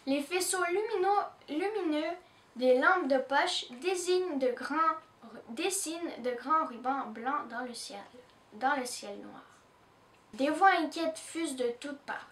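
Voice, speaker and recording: A woman from Canada reading a children's storybook aloud in an expressive way, recorded with a roomy echo from a distant mic. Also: high-pitched, takes it slowly. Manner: expressive, with small restarts. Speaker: children's book reader.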